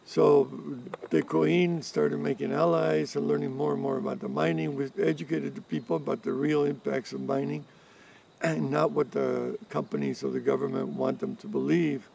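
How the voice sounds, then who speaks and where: Older man in his 70s, very gravelly, dark tone, measured with pauses, mic set back, faint noise behind. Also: fairly high pitch, distant mic. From Cuba. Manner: measured explaining with frequent pauses and restarts. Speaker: interviewee, environmental activist. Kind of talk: casual interview answers. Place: rural farm in mountains.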